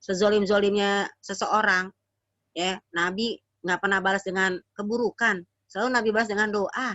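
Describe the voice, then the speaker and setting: A woman's voice: medium pitch, fairly even intonation, moderate pace, fairly bright tone, dry recording. A woman preacher with a Jakarta Betawi accent gives a casual, slangy religious talk over a video call, acting out quoted prayers. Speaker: female preacher. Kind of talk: virtual religious study talk. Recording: dry, dull lo-fi online call audio.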